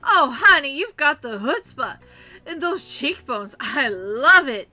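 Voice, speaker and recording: A woman's voice: sits high, sing-song, slow pace, bright, forceful tone, soft background music, heavily acted. A woman voicing a flamboyant, sassy drag queen in a video game, flirty, campy and drawling. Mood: gushing, theatrical.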